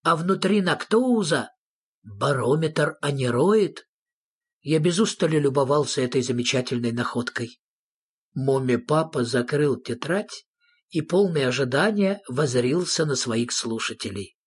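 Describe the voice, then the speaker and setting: A narrator reading a children's story aloud with expressive storytelling. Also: mid-range voice, a little slow, breathy edge.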